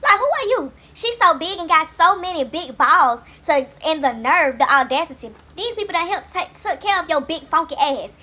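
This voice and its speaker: A woman's voice: extremely high pitch, sing-song, normal speed, few pauses, sharp tone. A woman hosting a reality-TV recap vlog, brash, profane and opinionated in casual commentary. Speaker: YouTube reality-TV recap host.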